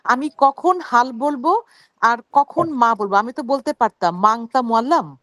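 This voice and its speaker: A woman's voice: a little high, lively intonation, measured pace, a bit bright, no room sound. A woman student in an online class politely asks her teacher a question.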